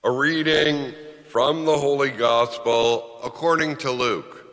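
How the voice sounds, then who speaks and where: Give me a priest with a bright, forceful voice reading scripture, heard in a long cathedral echo. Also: male voice, mid-range voice, fairly even intonation. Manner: slow, measured delivery. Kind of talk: gospel reading and homily. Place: church. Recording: long echo of a large church.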